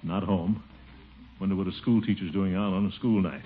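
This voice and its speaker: An actor playing a pompous, blustering middle-aged bachelor uncle in theatrical 1940s radio comedy style. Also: male voice, low-pitched, steady tone, normal speed, loud music behind the voice, close to an everyday voice. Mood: musing. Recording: tinny, very noisy old radio recording.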